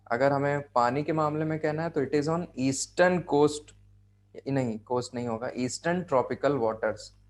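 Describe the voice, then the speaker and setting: A man's voice: medium pitch, slight background noise. A man with an Indian accent teaching geography over a video call, explaining step by step, repeating key phrases and checking that students follow. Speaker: geography tutor. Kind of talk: online class lecture.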